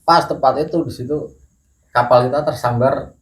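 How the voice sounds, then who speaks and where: A middle-aged man telling a ghost story in casual chat, measured and unhurried, clearing his throat now and then. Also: medium pitch, steady tone. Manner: measured storytelling with pauses and occasional coughs. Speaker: guest storyteller. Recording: echoey room with faint noise.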